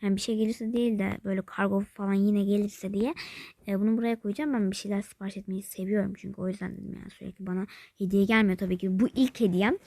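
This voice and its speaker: A woman's voice: mid-range voice, steady tone, fast talker, vocal fry, mellow, dry recording, studio quality. A woman narrating her mobile game play in a casual, chatty way, thinking aloud as she goes, calling her viewers by pet names and often dropping to a whisper. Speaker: game vlogger.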